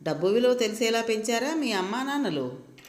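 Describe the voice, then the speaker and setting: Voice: mid-range voice, sing-song, normal speed, pitched above the performer's own voice, natural voice. Mocking angry husband scolding his wife, narrator doing him, echoey room w long reverb. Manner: sneering, berating.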